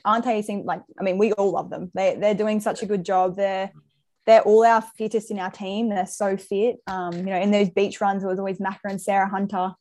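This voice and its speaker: Casting: woman, twenties, Queensland Australian accent, mid-pitched, informal conversational athlete in a casual interview. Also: flat delivery, normal speed, darkish tone. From Brisbane, Australia. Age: 20s. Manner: informal, chatty. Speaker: professional soccer player, interview guest. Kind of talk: casual chat.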